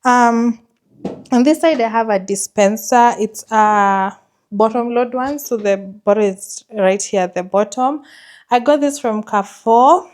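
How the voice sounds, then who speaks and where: A woman's voice: a little high, measured pace, a little mellow. A woman giving a casual, chatty house tour, enthusiastic about what she shows. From Kenya. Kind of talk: casual vlog chat.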